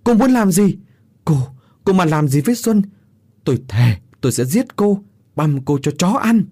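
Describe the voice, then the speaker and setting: A man voicing a bound, desperate young man who begs and shouts in a frantic voice. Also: mid-range voice, big pitch swings, moderate pace, husky, no echo, clean studio sound. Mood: enraged.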